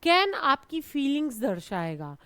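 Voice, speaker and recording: A woman's voice: high-pitched, big pitch swings, unhurried, bright, forceful tone, dry recording. A woman with an Indian accent teaching English grammar in a classroom-style lesson, explaining patiently and often checking in with her students. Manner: repeats and checks with "theek hai".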